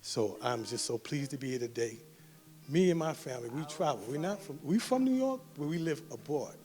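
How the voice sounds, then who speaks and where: A middle-aged man gives a wedding toast, effusive and joking, with a fairly high voice. Music plays clearly behind him at the reception. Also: expressive, brisk, darkish tone. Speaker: father of the bride giving a toast. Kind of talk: wedding speech. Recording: music in the background. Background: music playing.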